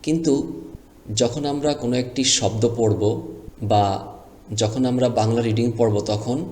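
A man's voice: medium pitch, a little mellow. A man teaching reading step by step, patiently spelling out and repeating sounds. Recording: echoey room with faint noise.

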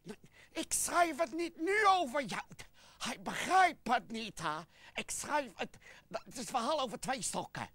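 A man's voice: very high-pitched, very animated, unhurried, bright, forceful tone, no echo, heavily acted. A man voicing a cheerful, eager sock puppet in a children's puppet show, stumbling over and repeating words.

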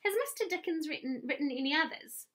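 A woman voicing a little storybook girl, high and soft. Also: animated, fast talker. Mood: delighted. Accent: New Zealand. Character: bookish little girl, four, quiet and earnest.

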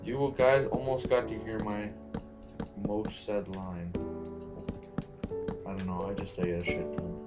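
Tired young man, low voice over music. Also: little pitch movement, unhurried, pauses often. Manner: rambling, self-mocking, swears casually. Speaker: gaming channel host. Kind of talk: casual let's-play commentary. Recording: loud background music.

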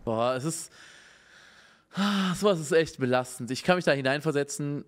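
A man's voice: medium pitch, normal speed. Young man reacting casually on stream. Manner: hesitant, many fillers and restarts, concerned.

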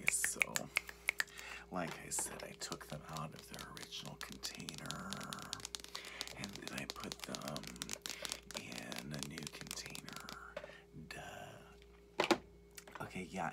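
A young man murmurs and whispers through campy, rambling ASMR in a very low, gravelly voice. He repeats himself on purpose, soft and breathy. The home recording is very noisy, with clicks and tapping. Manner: rambling, deliberately repetitive, campy. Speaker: ASMR makeup vlogger. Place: small cluttered room indoors.

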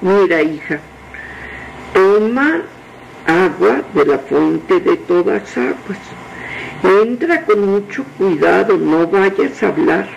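A man's voice: sits high, expressive, takes it slowly, vocal fry, dull audio, slight background noise, heavily acted. A man doing a firm woodcutter father. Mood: instructing. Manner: firm, instructive.

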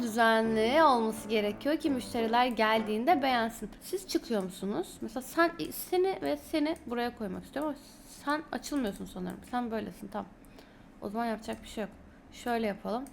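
Woman vlogger, high-pitched, casual chatty gameplay talk, music bed behind. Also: gravelly. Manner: chatty, talks to viewers while building. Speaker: gaming YouTuber. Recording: background music under voice.

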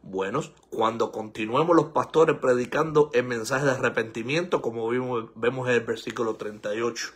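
An older man preaching a sermon as pastor, exhorting and rising to high, emphatic peaks. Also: fairly even intonation, moderate pace, few pauses, husky. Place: church sanctuary.

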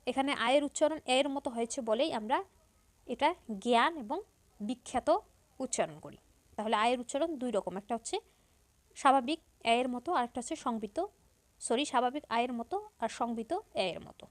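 High-voiced woman teaching pronunciation. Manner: explains step by step, repeating example words slowly. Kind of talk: Bengali grammar lesson for school students.

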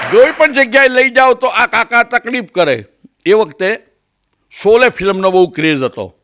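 A Gujarati-accented male comedian telling a funny story and acting out its characters. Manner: animated, acts out characters with raised pitch. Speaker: stand-up comedian. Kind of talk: comic storytelling. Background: audience laughter.

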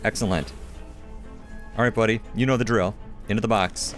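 A man's voice: fairly low pitch, fairly even intonation, moderate pace. A man hosting a let's play video, giving a chatty running commentary with self-mocking asides. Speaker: gaming video host. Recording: commentary over game audio with music.

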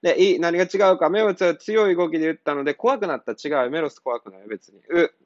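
A man's voice: fairly high pitch, fast, dry recording. A man, a cram school teacher going through answers to a literature exercise in a casual, blunt way with teasing asides. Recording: dull lo-fi sound.

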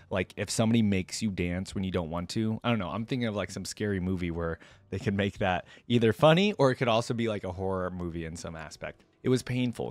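A young adult man hosting a reaction video reads a story aloud and adds casual reactions. His voice is on the low side. He's indoors, wearing a headset and recorded on a close desk mic, so the sound is dry.

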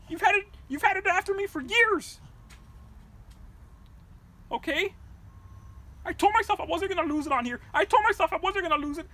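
Comedic vlog rant: a woman as a cursing, rambling puppet-world mother, shrill and sharp. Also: exaggerated voice. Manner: profane, shouting, rambling. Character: foul-mouthed furious puppet-world mother.

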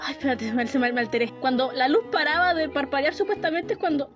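A woman's voice: high-pitched, fast, dull audio, music in the background. Jumpy woman shrieking through horror gameplay. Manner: easily frightened, shrieks and laughs nervously. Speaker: gamer playing a horror game. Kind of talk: casual gameplay commentary.

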